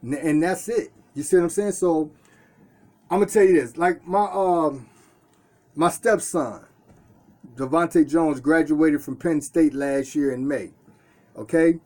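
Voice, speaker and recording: In a fairly high, slightly mellow voice, a man who owns a store in Detroit talks earnestly to his own camera inside the shop. It's casual talk, marked by frequent repetitions and restarts.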